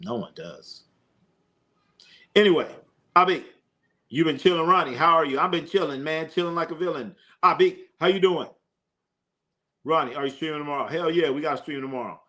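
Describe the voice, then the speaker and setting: Bright and forceful, his slightly high voice is brisk yet punctuated by frequent pauses. The man runs a live sports stream, loosely chatting over viewer comments with the audience and a co-host, joking and dropping slang and lots of fillers.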